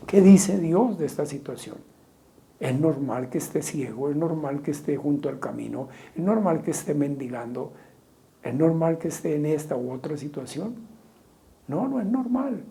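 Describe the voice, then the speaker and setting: A man preaching a sermon as pastor, asking repeated rhetorical questions and loudly acting out quoted cries. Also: on the high side, lively intonation, normal speed, gravelly. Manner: rhetorical questions, dramatic quoting of shouts.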